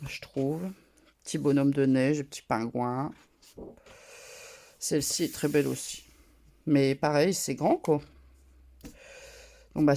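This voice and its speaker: A woman with a cold, speaking through her nose. Her voice is dark and mellow with a gravelly edge. She chats loosely and a touch loudly, full of little fillers, as she shows off her haul. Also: sits low. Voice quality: nasal. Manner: talks a bit loud, chatty with fillers. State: congested from a cold, nasal. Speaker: scrapbooking vlogger. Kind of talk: casual haul show-and-tell.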